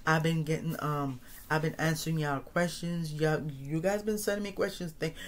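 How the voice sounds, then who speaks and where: A man's voice: on the high side, fairly even intonation, normal speed. Rambling man in his thirties hosting. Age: 30s. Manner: rambling, repeats phrases and restarts often. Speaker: podcast host. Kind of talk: casual solo monologue.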